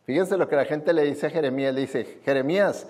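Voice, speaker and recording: A man's voice: a little high, brisk, a little mellow. A man preaching a sermon as pastor, emphatic, who keeps asking the congregation questions and adding a questioning "mm?". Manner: often adds a questioning "¿mm?".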